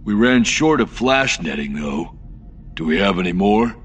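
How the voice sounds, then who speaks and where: A man's voice: on the low side, very animated, measured pace, far from the mic, faint music behind, voice pushed up. A male audiobook narrator voicing an easygoing crewman who speaks through a comm speaker. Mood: casual. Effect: voice over a comm speaker.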